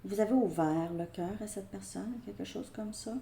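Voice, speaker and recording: A woman with a Québécois French accent giving a tarot reading, talking slowly and hesitantly with many fillers and restarts. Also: mid-range voice, gravelly, warm tone, slight background noise. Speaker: tarot reader.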